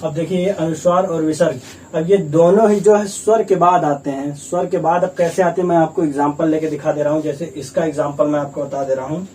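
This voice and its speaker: Sounding out each letter in turn, a man teaching grammar explains things patiently and says them more than once. He talks briskly with fairly even intonation, and his voice is a bit high and mellow. The mic catches him from afar over a soft room hum.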